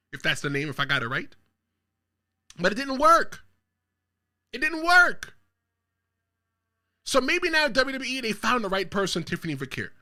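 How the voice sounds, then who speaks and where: Hosting a solo wrestling commentary show, a man from the Bronx, New York talks directly to his viewers. His high, piercingly bright voice swings widely in pitch as he forcefully delivers his hot takes.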